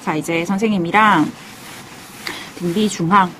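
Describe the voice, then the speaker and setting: A woman's voice: fairly low pitch, steady tone, unhurried, bright, forceful tone, slight background noise. A woman math teacher giving a step-by-step lecture, calling herself "teacher" and asking and answering her own questions.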